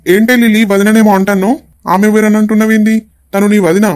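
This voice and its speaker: A woman voicing a mild, gentle older father-in-law in a cartoon. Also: mid-range voice, little pitch movement, fast, natural voice. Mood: puzzled.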